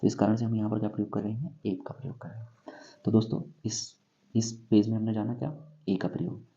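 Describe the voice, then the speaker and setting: A man teaching English grammar in a classroom-style lesson, going slowly and asking himself questions before he answers them. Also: on the low side, little pitch movement, dark tone, muffled recording. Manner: slow, repeats and quizzes himself with questions.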